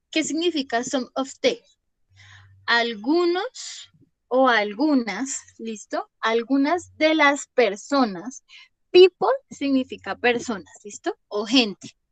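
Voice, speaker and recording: Young teacher, higher voice, dry close mic, patient, keeps checking in. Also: female voice, no echo. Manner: patient, repeats "¿listo?" to check understanding. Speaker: English teacher. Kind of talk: online class lesson.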